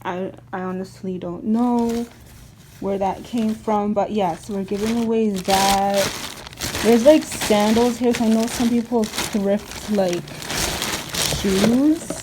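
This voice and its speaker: A woman's voice: medium pitch, noisy background. A young woman vlogging casually, rambling and chatty with lots of fillers while sorting clothes at home. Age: young adult. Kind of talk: casual vlog chat.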